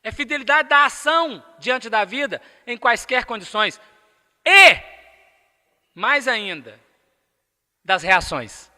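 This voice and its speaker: Brazilian guy preaching emphatically, lots of rhetorical questions, very high pitched, echoey hall. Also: expressive, takes it slowly, long pauses, bright, forceful tone. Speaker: spiritist lecturer. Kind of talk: spiritist lecture.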